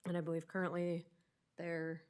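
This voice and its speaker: A woman's voice: on the low side, completely flat delivery, moderate pace, darkish tone. A woman with a nasal voice from a winter cold, giving a superintendent's upbeat update at a school board meeting. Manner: upbeat, with many fillers.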